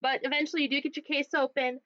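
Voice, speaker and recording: A woman's voice: high voice, little pitch movement, quick pace, sharp tone, no echo. A woman running a tabletop game as game master, casually describing the action step by step. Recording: dull, dry lo-fi sound.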